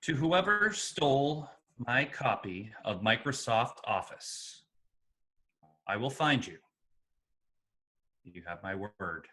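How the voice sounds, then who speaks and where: Bright-voiced man telling dad jokes. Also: medium pitch, expressive, takes it slowly, pauses often.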